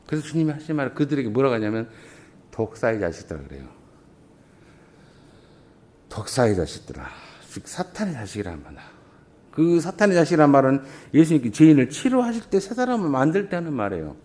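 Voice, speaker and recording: In a church sanctuary, a middle-aged male pastor preaches emphatically, full of rhetorical questions and big swings in pitch and volume. His voice is sing-song, fast and mellow, with slight background noise.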